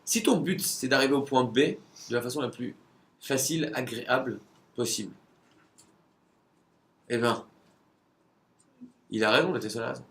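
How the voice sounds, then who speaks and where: A man's voice: medium pitch, normal speed, long pauses. A man giving a conversational religious lesson, asking rhetorical questions and sometimes searching for words.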